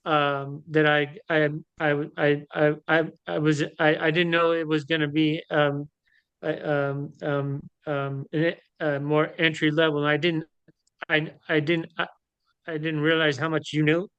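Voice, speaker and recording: Brief: male participant, fairly high voice, tripping over his words and restarting. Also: little pitch movement, unhurried, clear, resonant tone, dry recording, highs cut off. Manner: rambling, stammering, repeats words. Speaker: meetup participant. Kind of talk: casual chat on a group call.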